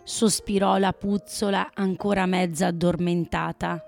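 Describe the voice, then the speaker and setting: Woman storyteller, gentle measured reading, lowish voice, very slow, soft music behind. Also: fairly even intonation, gravelly. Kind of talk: children's storybook narration.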